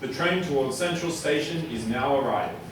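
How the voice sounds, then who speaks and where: A man's voice: a little high, a little fast, background noise. An actor in a stage skit playing a male train station announcer, speaking formally through a megaphone. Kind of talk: amateur stage skit acting. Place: stage in a large hall. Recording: echoey hall, heard from far off.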